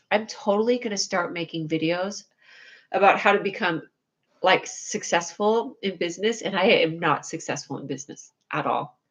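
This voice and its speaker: The audio is poor as a young woman with a medium-pitched, whiny and needy voice chats casually with her livestream audience. Rambling and scatterbrained, she puts herself down and occasionally lets out excited squeals.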